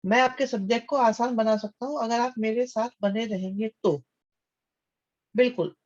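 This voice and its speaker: A man's voice: very high voice, steady tone, moderate pace, muffled recording. A man teaching maths in a live online class. He calls students "beta," reads out their names, praises their answers and repeats his questions back to them.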